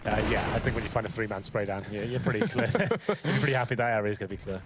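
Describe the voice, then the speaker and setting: A man's voice: fairly low pitch, steady tone, very fast. A man breaks down the tactics of a shooter match at a breakneck pace, in a casual, analytical way with plenty of fillers. Faint game noise sits behind his voice. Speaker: color commentator. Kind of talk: esports analysis commentary.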